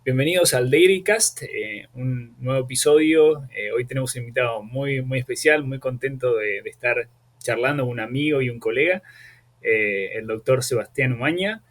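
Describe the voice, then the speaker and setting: A man's voice: mid-range voice, moderate pace. A man, a veterinarian, hosting a podcast interview and welcoming his guest with friendly, eager questions.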